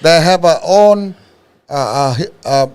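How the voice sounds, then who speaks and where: A man from Indonesia with an Indonesian accent, a food truck owner and guest chatting casually in halting, often restarted English and laughing a lot. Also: fairly high pitch, lively intonation, darkish tone, smooth. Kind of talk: casual chat.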